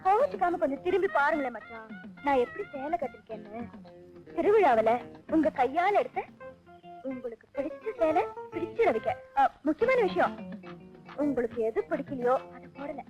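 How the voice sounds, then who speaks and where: Sharp-tongued young wife in an old comedy movie, squeaky high. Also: female voice, very animated, normal speed, pauses often, over music, low-quality recording. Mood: coaxing. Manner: quarrelsome, teasing. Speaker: wife, daughter-in-law. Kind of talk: 1980s film comedy acting.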